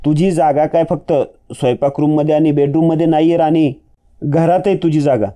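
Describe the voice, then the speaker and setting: A man's voice: fairly high pitch, fairly even intonation, brisk, dark tone, lightly acted. A man voicing a caring young man who talks earnestly and insistently. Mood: reassuring.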